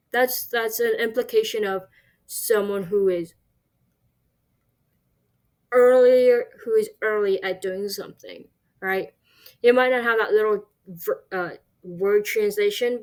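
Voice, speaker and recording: A woman talks through a recorded language lesson at a middling pitch for her sex. She explains step by step, restarts her sentences, and keeps asking "right?" to check in. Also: darkish tone. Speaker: Chinese language teacher.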